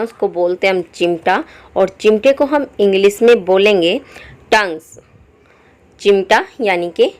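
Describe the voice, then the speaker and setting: Hindi-speaking woman teaching English vocabulary. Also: medium pitch. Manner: slow, repeats each word twice. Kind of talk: vocabulary lesson.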